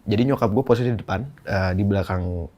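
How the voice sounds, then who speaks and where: A man's voice: lowish voice, fast talker, mellow. A young man, a podcast guest, telling a candid, emotional personal story in slangy casual speech.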